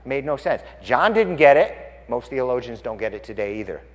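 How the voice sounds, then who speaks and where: A middle-aged man preaching a sermon, swinging from loud exclamations down to quiet explanation. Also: medium pitch, very animated, brisk, long reverb tail. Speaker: pastor.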